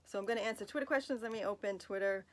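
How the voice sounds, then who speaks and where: She talks very fast at a medium pitch, a Brooklynite whose New York accent comes through clearly. Lying in bed, she rambles through fan questions for a phone recording, casual and self-deprecating, full of filler words and side comments.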